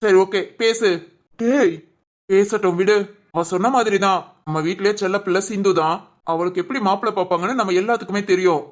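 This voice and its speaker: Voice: mid-range voice, brisk, natural voice. A performer voicing a caring young man in a cartoon, a protective older brother who reassures and advises his sister. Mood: reassuring. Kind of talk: cartoon voice acting.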